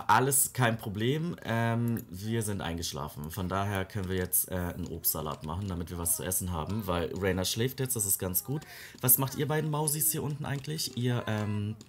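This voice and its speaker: Deep-voiced man chatting through a game. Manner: chatty, talks to the game characters in a fond baby-talk way. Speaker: gaming let's-play creator. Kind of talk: casual let's-play commentary.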